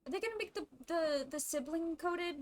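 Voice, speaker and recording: A woman game streamer giving casual live reaction commentary in an irreverent, sweary, animated way. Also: very high voice, moderate pace. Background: game music.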